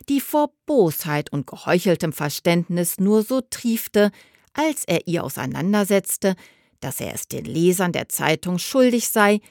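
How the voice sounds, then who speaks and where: A woman reads a novel aloud in a measured, expressive storytelling manner. Her voice is fairly low but moves widely in pitch. The sound is close and dry with no room echo. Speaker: audiobook narrator. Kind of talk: scripted narration.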